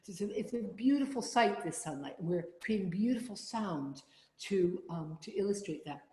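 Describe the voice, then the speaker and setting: A woman's voice: mid-range voice, expressive, moderate pace, a little mellow. A woman leading an online choir rehearsal, giving instructions and singing example phrases between them. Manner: demonstrates sung phrases between spoken instructions. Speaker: choir leader. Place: home room. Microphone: video call. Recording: roomy video call with reverb.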